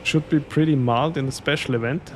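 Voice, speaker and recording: A sim racing streamer from Austria chats casually on a live stream, chuckling often as he talks to viewers in his Austrian German accent; German is his native language. His voice is a little high, briskly paced and fairly even in intonation, with slight background noise.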